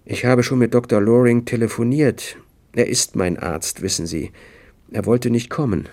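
A man reading as a calm, detached lady. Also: mid-range voice, moderate pace, voice pushed up, natural voice. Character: calm, weary, distant upper-class woman.

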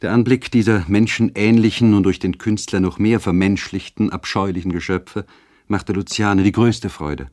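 Male audiobook narrator, very low voice, measured literary reading. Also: a little mellow, no room sound, studio quality. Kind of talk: audiobook narration of a classic novel.

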